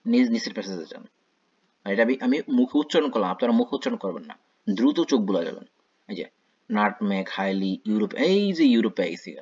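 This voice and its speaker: Man teaching an exam class, husky voice. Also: on the low side. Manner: brisk and coaxing, mixes English words into Bengali, reads English aloud slowly. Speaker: English test teacher. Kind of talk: online class lesson. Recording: dull lo-fi sound.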